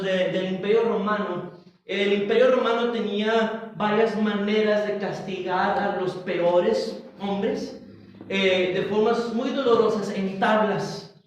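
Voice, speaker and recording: A high-voiced man preaches a Bible study in a measured, halting way, stopping to correct himself and speak to the congregation. He is heard from some distance in a very roomy church hall. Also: fairly even intonation, slight background noise. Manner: slow, halting, with frequent restarts and asides to the congregation. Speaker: pastor.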